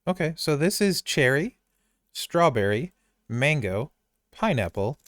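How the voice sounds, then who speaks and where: A man's voice: fairly high pitch, big pitch swings, measured pace, dry recording, studio quality. A man hosting a casual podcast chat, talking in an easygoing, enthusiastic way. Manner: chatty, gushes over candy while chewing. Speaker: podcast host.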